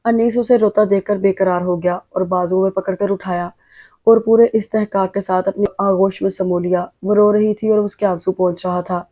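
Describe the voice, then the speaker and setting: A woman narrating a romance novel with calm, expressive reading. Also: medium pitch. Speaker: audiobook narrator.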